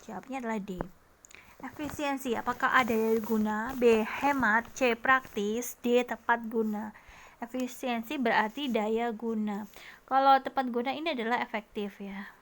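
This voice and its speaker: A woman's voice: on the high side, steady tone, normal speed, fairly bright tone. A woman tutor walking patiently and methodically through vocabulary quiz answers, often adding tag questions. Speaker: test prep tutor.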